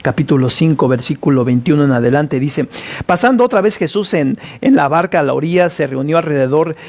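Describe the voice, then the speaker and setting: A pastor preaching a sermon at a church service, reading scripture aloud with fervent conviction. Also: male voice, fairly high pitch, expressive, a little fast, darkish tone.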